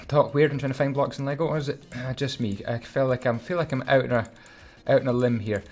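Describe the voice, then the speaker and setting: A man's voice: mid-range voice, fairly even intonation, brisk. Scottish man, easygoing build commentary, mid-range voice, mutters and hums between thoughts. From Scotland. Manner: chatty, hums and mutters while concentrating. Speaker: Minecraft YouTuber.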